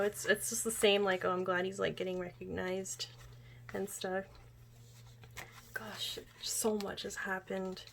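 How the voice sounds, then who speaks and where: Young woman, fan vlogger, chatty and gushing, whispers when excited; faint hiss on the track. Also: mid-range voice. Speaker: vlogger unboxing a music album. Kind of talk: casual unboxing chat.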